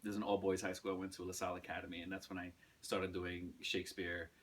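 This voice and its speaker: A man, an actor telling stories in a casual chat, halting and restarting as he recalls. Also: low voice, flat delivery, husky, far from the mic. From New York. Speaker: guest actor.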